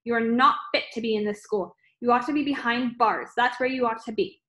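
A woman's voice: fairly high pitch, fairly even intonation, fairly quick, a bit bright, lightly acted. A woman voicing a furious, bullying headmistress who roars and rants her threats while reading a storybook aloud. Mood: raging. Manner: roaring, ranting threats.

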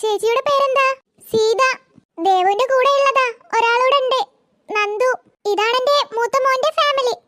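A woman's voice: extremely high pitch, moderate pace, a bit bright, no room sound, studio quality. Woman voicing a chatty cartoon grandmother. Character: grandmother, chatty and proud of her family.

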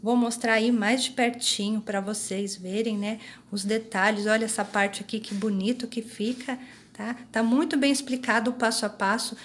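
A woman in her thirties hosts a homey crochet vlog from a small craft room, filming close-ups on a phone she holds in her hand. Her voice sits a little high, and she keeps checking in with viewers through easy tag questions and asides. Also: fairly even intonation, normal speed. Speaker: crochet channel host. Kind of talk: casual show-and-tell vlog. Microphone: phone held in hand.

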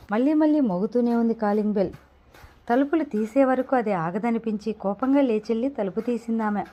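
Brief: female audio-novel narrator, measured and steady, high-ish voice, muffled lo-fi recording. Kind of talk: scripted story narration. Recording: dull lo-fi recording.

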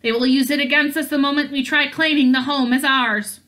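Sea witch read by a woman: ancient, scornful, hisses her lines, high and bright. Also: steady tone, a little fast. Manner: hissing, scornful.

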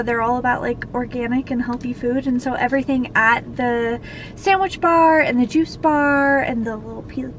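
Pregnant young woman vlogging from her car, kinda high soft voice, noisy background. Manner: soft, reflective, trails off into whispers. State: heavily pregnant. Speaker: lifestyle vlogger. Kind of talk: casual vlog talk to camera. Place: parked car, then outdoors by a river. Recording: clear background noise.

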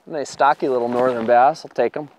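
A man with a medium-pitched voice talks fairly quickly as he explains fishing tackle from an open boat on a lake. He produces fishing videos, and this on-the-water demonstration is upbeat and explanatory, with real excitement whenever he lands a catch.

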